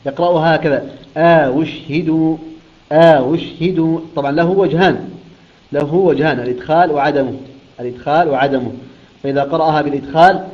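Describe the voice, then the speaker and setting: A man's voice: on the high side, muffled recording. Man teaching Quran recitation, chanting examples. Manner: explains rules, then chants example words slowly and melodically. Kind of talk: recitation lesson.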